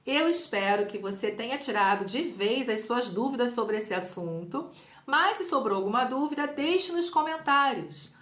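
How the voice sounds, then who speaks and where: A woman teacher with a Brazilian accent giving an online grammar lesson, explaining clearly and patiently. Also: a little high, expressive, moderate pace, a bit bright. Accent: Brazilian Portuguese. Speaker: Portuguese teacher. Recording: echoey room.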